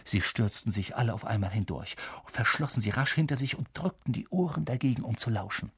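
Ein Mann liest ein Jugendbuch lebendig und ausdrucksvoll als Hörbuch vor. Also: male voice, mid-range voice, fairly quick, breathy edge, dry recording, studio quality. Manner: expressive, animated reading. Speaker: audiobook reader. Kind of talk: lively scripted narration.

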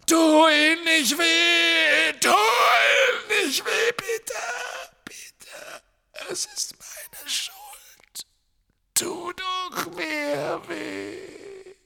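A man's voice: extremely high pitch, very animated, drawn-out words, vocal fry, pushed and bright, big-room sound, voice pushed up, exaggerated voice. A man reading an audiobook, voicing a tormented old male wizard who sobs, pleads and cries out in anguish. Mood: anguished pleading. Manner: sobbing, pleading, crying out in anguish.

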